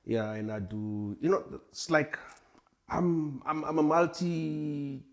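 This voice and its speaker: A man's voice: a little high, takes it slowly. A man in his forties from Tanzania, a hip hop artist chatting as a guest in a casual interview, laid-back and rambling. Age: 40s.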